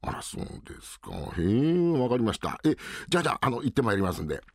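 A man in a rakugo storytelling voicing a cheeky working-class tradesman who talks in a blunt, teasing, rough-spoken way. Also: mid-range voice, very animated, fast, no room sound, studio quality. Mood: prodding.

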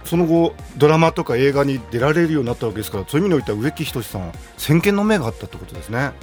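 A man's voice: mid-range voice, animated, very fast, darkish tone, soft background music. A man hosting a studio interview, courteous and attentive, reading out the guest's profile. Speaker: interview host.

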